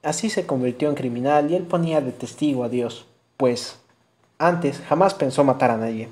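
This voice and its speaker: A man with a Peruvian accent narrates a novel in a measured, steady storytelling manner. His voice is dark and mellow, and its pitch sits in the middle for a man. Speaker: audiobook narrator.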